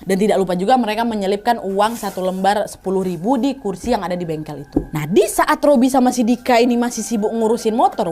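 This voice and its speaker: A woman's voice: a little high, darkish tone. A woman telling a horror story in a chatty, casual way, speaking straight to her listeners. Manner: chatty, addresses listener as "Wak".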